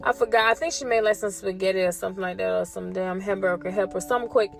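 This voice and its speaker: A young woman host telling a story in a casual, animated way, swearing often and talking straight to her listeners. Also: medium pitch, fast talker, gravelly, soft background music. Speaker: podcast host.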